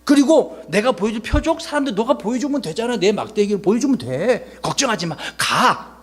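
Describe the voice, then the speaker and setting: Pastor doing god as a fed-up dad giving orders, husky, kinda high. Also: male voice, very animated, brisk, exaggerated voice. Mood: commanding. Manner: bossy, scolding. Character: God as exasperated commanding father, male.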